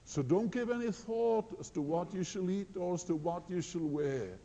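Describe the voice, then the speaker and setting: Male preacher, high mellow voice, slow and earnest, long hall reverb. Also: lively intonation. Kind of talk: sermon.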